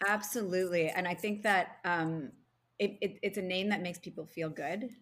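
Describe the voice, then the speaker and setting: A woman's voice: lowish voice, fairly even intonation, normal speed, a bit bright. A woman in her forties, a guest podcast co-host, chatting casually and rambling with lots of fillers and restarts. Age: 40s. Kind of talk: casual conversation.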